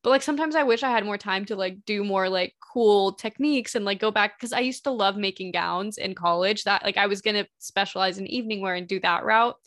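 Casual chat voice: bubbly sorority-girl type in her twenties, gushing, mid-pitched, recorded close and dry. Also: brisk, few pauses, a bit bright, no room sound. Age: 20s. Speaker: fashion designer and small business owner.

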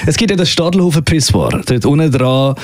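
Animated Swiss German man, slangy and blunt. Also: fairly high pitch, brisk, a little hiss or hum. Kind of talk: casual chat, storytelling.

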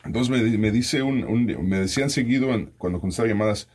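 Brief: Mexican-accented male host in his forties, husky, chatty storyteller who keeps restarting his sentences. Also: mid-range voice, quick pace, a little mellow. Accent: Mexican Spanish. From raised in Mexico, born in the US. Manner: rambling storyteller with many fillers and restarts. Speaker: radio host interviewing a colleague. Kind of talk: casual conversational interview.

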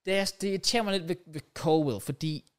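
A young man, co-hosting a casual football chat with slang, swearing and English words mixed in. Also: fairly high pitch. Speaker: football podcast co-host.

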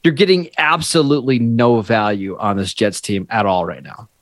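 Male co-host, even and matter-of-fact, deadpan humor, dry close sound. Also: medium pitch, normal speed, no echo. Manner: matter-of-fact, reads odds, dry quips. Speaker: podcast co-host, football analyst. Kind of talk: casual sports podcast chat.

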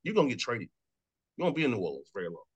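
A man in his thirties hosts a sports radio interview in a loose, chatty way. He talks quickly, doubles up on words and breaks into laughs, with a voice in an ordinary middle pitch. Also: sing-song, slightly rough. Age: 30s. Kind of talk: casual sports talk interview.

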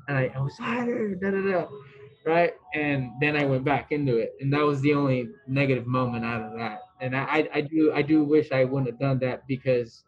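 Animated man telling baseball stories. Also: fairly high pitch, lo-fi sound. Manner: animated, rambling storyteller who restarts and swears. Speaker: guest, former baseball pitcher. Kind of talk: casual storytelling interview.

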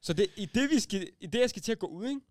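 A young man hosting a casual podcast chat, telling stories in animated, slangy talk and laughing as he goes. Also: high voice, no room sound, clean studio sound. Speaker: podcast host.

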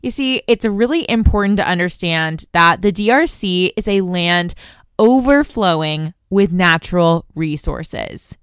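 A young woman from the United States explains the news to her podcast listeners in a casual, direct way. Her voice sits low and sounds smooth and clear. The recording is dry and close, with no room sound. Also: animated, unhurried, fairly bright tone, no room sound. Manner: conversational, addresses listeners directly.

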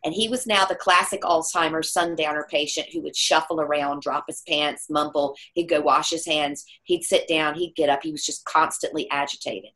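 A woman's voice: low voice, moderate pace, few pauses. A middle-aged woman telling a personal story in conversation, acting out the voices of the people she quotes. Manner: animated storyteller who acts out quoted voices.

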